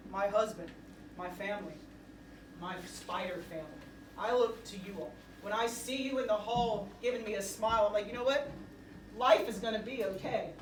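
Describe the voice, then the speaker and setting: A middle-aged woman giving a motivational speech to a team, speaking in emphatic, short, repeated phrases. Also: a little high. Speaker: motivational pregame speaker to a high school football team. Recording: roomy echo, distant mic, faint noise.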